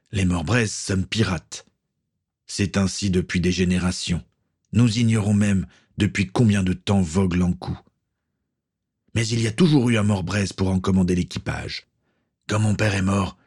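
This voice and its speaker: A man's voice: low voice, fairly even intonation, unhurried, darkish tone, husky. A man reading as a stern pirate captain. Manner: firm and authoritative. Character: stern middle-aged male pirate captain, commanding uncle.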